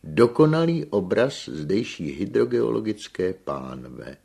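A man's voice: on the low side, sing-song, creaky, a little mellow, breathy edge, pitched above the performer's own voice, heavily acted. A man putting on a pompous young engineer lecturing. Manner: slow, emphatic lecturing with rolled R.

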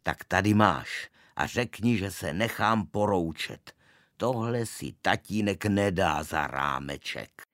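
Blustering confectioner, bellowing and indignant, low gruff tone, dry sound, put on by a male narrator. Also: animated, no room sound. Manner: loud and indignant. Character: hot-tempered male confectioner, middle-aged.

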